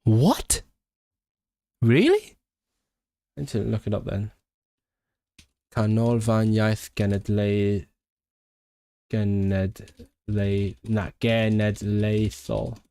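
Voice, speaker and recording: A young Hong Kong man with a British English-mixed accent, a student and language learner, hosts a casual language livestream reading viewer comments. He speaks extremely slowly, with long pauses, in a low, gravelly yet clear and resonant voice. He's hesitant and self-deprecating with many restarts and fillers, and there's no room sound.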